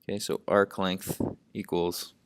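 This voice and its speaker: A man's voice: low voice, level tone, unhurried, clear, resonant tone. A man explaining math problems step by step, thinking aloud and saying "okay" at nearly every step. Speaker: math tutor. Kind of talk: lesson narration while writing.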